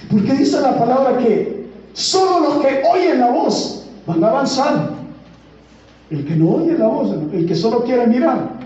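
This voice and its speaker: A man delivers a sermon in a high, mellow voice and keeps firing rhetorical questions at his congregation. He sounds far from the mic, heavily echoing through a church hall. The recording is muffled and dull, with a faint hum of noise behind him. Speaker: preacher.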